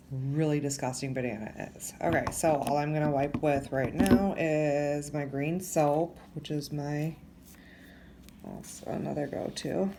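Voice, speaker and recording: A low, dark-toned woman talks slowly through a tattoo tutorial, her voice gravelly and a little hoarse from allergies. She sounds relaxed and chatty as she works, with faint noise behind her. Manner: slow, relaxed and chatty while working. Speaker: tattoo instructor. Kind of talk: casual tutorial demo.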